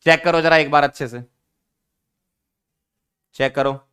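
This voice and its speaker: A man teaching an online chemistry lesson, teasing his students and repeating key rules slowly for emphasis. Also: on the high side, steady tone, fairly bright tone, clear, resonant tone. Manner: teasing, addresses students as beta.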